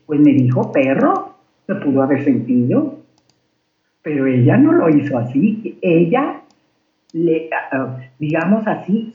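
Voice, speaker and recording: Animated woman on an echoey phone line. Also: sits low. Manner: animated storyteller, acts out quotes, keeps asking "right?". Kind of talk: conversational Bible reflection.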